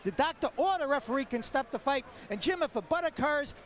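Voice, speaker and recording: A man with a strikingly high voice rattles off boxing rules at a quick clip. His delivery is emphatic and clipped, with faint arena noise behind him. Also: animated, fairly bright tone. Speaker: boxing broadcast rules analyst. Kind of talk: live broadcast rules explanation. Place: ringside in a large arena.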